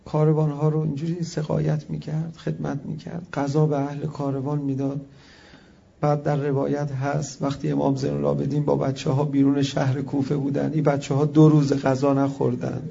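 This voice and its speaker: Impassioned preacher man, gravelly voice. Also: on the high side, monotone, muffled recording. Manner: impassioned, rhetorical questions, swings from hushed to loud. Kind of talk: religious sermon.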